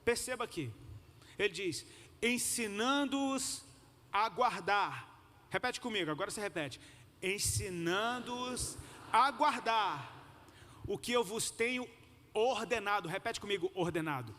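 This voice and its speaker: Preaching to a congregation in a large, echoey hall with noticeable background noise, this Brazilian man speaks unhurriedly with lively intonation. His high voice is bright and forceful, his Brazilian Portuguese colloquial and slangy, and his conversational sermon mixes personal stories with phrases he gets listeners to repeat.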